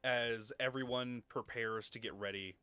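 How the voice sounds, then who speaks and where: A male game master narrates a tabletop game on a stream. He talks slowly and haltingly, filling pauses with ums and uhs. His voice is close and dry, with faint music underneath. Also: mid-range voice, fairly even intonation, sharp tone, clear, resonant tone, no echo. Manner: hesitant, many fillers, laughs easily.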